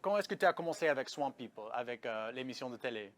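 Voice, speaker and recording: A man's voice: medium pitch, animated, fast. A man, hosting and narrating a documentary interview. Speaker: host and interviewer.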